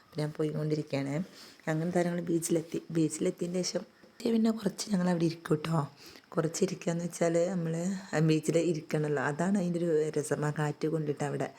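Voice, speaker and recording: A woman vlogging in a relaxed, homely way, with a voice still hoarse from illness. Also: sits low, quick pace. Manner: chatty, homely, tags sentences with "tto". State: hoarse, recovering voice. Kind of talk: casual vlog narration.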